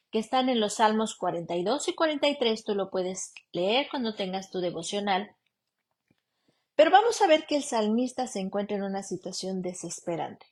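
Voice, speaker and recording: A woman's voice: a little high, darkish tone. A woman preaching a radio sermon, earnestly asking her listeners direct questions and calling them beloved sister. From broadcasting from Canada. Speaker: lawyer and radio program preacher.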